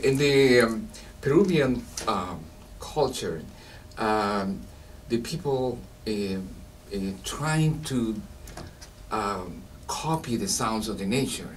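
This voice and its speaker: A man from Peru, a guest musician in a radio interview, speaking halting English with many pauses and fillers. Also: fairly low pitch, lively intonation, distant mic, slight background noise. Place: children's museum radio studio.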